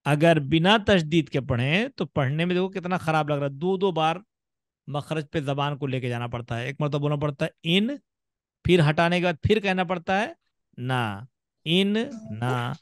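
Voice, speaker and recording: A man's voice: a little high, normal speed, no echo, clean studio sound. A man teaching children to read in an online class, patiently drawing out sounds as he demonstrates them. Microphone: video call.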